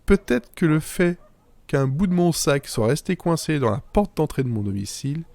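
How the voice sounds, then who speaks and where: Whimsical and self-mocking, this writer-narrator reads a scripted first-person monologue for his own fiction podcast, dropping in playful asides. He sounds a little high and slightly mellow, with big pitch swings at normal speed. The recording is dry, with music behind him.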